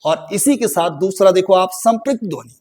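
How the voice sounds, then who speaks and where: High-voiced Hindi teacher repeating points. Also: male voice, moderate pace, a little mellow. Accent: Uttarakhand Hindi. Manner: repeats key phrases, asks and answers own questions; addresses learners as "bhai" and "ji". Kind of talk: classroom grammar lesson.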